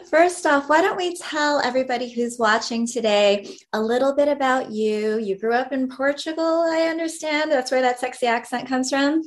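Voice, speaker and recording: A woman's voice: sits high, expressive, moderate pace. A woman hosting an interview, effusive and bubbly, laughing readily. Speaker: podcast host. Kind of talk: casual interview.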